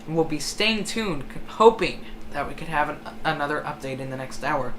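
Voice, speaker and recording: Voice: mid-range voice, expressive, moderate pace, fairly bright tone. A person hosting live hurricane coverage, commenting on forecasts in a hesitant way and often correcting their own words. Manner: hesitant, self-correcting delivery. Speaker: livestream host tracking a hurricane. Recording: noticeable background noise.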